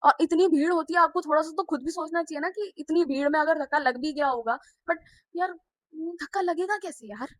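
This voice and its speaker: A young woman telling a personal story in a casual, animated storytime vlog, acting out the people she quotes. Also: high voice, a little fast, rough recording.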